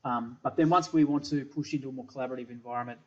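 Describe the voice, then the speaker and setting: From a small room, a middle-aged Australian man who runs a software company as a principal delivers a recorded product presentation at a racing pace. His medium-pitched voice is steady and darkish, littered with ums and repeated words, and the webcam audio comes across slightly dull.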